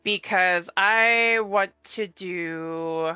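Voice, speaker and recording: A woman hosting a live game stream, chatting casually and reading game text aloud in an expressive way. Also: mid-range voice, extremely slow, clear, resonant tone, dry recording, muffled recording. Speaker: streamer and host. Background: game music.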